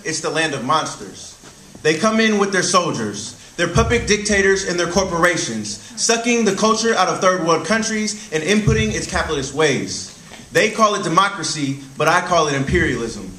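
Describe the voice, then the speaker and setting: A man's voice: on the high side, bright, forceful tone, a little hiss or hum. A teenage boy performing spoken word poetry at a student slam, declamatory and earnest. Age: teens. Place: school hall. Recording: echoey hall.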